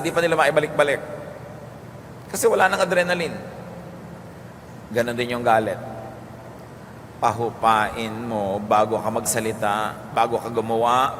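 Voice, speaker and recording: A man with a Filipino accent giving a calm teaching sermon, moving between Tagalog and English. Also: mid-range voice. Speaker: preacher. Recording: long hall reverb with faint noise.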